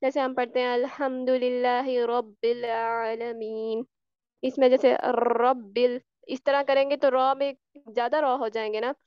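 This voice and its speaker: A woman's voice: fairly high pitch, little pitch movement, a little slow, smooth, no room sound, muffled recording. A woman teaching a recitation class online, patiently explaining and repeating sounds for her students. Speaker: tajweed teacher.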